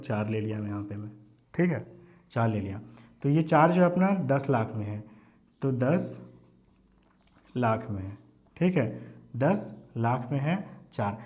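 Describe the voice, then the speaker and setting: Hindi maths teacher, slightly high voice. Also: male voice, darkish tone. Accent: Hindi, Indian. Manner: repeats "ठीक है" and "है ना" as check-ins, mixes English terms into Hindi. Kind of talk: classroom lesson explaining number places.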